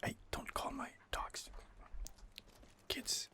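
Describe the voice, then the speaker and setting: A let's play host murmurs soft, hesitant ASMR commentary over gameplay, whispering close to a home microphone and pausing often on filler words.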